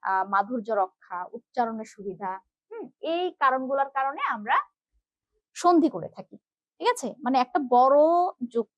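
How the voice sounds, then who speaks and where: High-voiced woman teaching a grammar class. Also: dry recording, dull audio. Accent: Bangladeshi Bengali. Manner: explains step by step, often checks with "ঠিক আছে?". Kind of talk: online class lecture.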